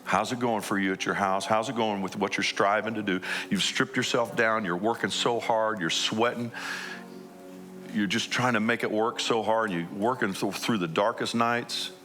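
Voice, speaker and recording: A man's voice: fairly low pitch, fairly even intonation, moderate pace, bright, forceful tone, soft background music. A man preaching a conversational sermon as a pastor, asking his listeners many questions.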